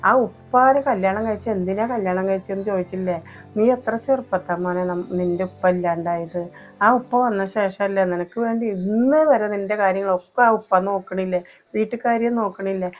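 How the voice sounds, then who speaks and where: A worried mother , played by a woman with a Malappuram Malayalam accent, coaxes and scolds her grown son, circling back to the same points again and again. Her voice sits at a middle pitch. The recording is slightly dull and lo-fi, with faint music underneath. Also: brisk, natural voice. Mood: scolding. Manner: pleading, scolding, repetitive. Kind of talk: amateur family short film acting.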